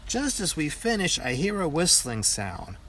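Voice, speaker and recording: An older man with a grandpa voice reads a children's picture book aloud in a deliberate storytelling manner. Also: a little high, wildly swooping pitch, fairly bright tone.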